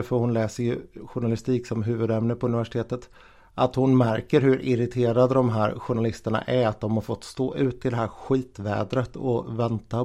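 A man's voice: mid-range voice, vocal fry, a little mellow. A man narrating a true story in a casual, conversational way. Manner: conversational, with fillers and restarts.

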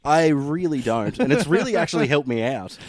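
A man's voice: on the high side, expressive, fairly quick, dry recording. An Australian man hosting a casual comedic podcast, telling sweary, blokey stories. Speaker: podcast host.

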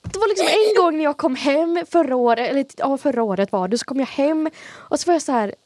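A young Swedish woman who grew up in Gothenburg co-hosts a podcast, chatting casually in a high-pitched voice with a light Gothenburg accent. Her dry delivery sounds sarcastic even when she's sincere.

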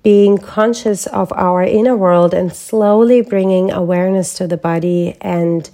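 A woman hosting a wellness podcast, speaking as a holistic health coach in a calm, measured, reflective way from a prepared script. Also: lowish voice. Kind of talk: scripted solo podcast talk.

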